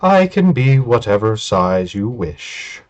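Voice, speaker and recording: A man voicing an ancient, sleepy god in a tabletop game, speaking in a slow, archaic, imperious manner. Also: fairly low pitch, big pitch swings, highs cut off, soft background music, pitched below the performer's own voice. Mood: calm, courteous. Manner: slow, drawn-out archaic speech.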